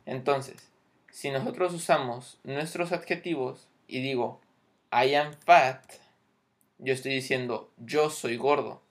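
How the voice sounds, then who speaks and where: A man's voice: medium pitch, fairly even intonation, a little slow. A man teaching English grammar, explaining patiently and checking in often.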